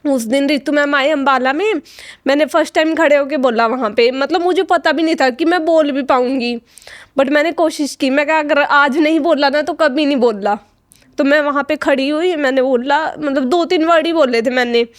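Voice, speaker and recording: High-voiced young woman, choked up. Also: fairly quick, no echo, clean studio sound. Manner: hesitant, many fillers and restarts. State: choked up, near tears. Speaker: fashion design student. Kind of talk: podcast interview, personal story.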